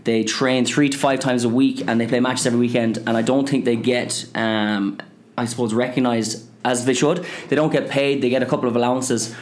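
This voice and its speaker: A man's voice: mid-range voice, fairly even intonation, fairly quick. A man in his twenties with a west of Ireland accent, chatting casually as an interview guest. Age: 20s. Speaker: interview guest, business co-founder.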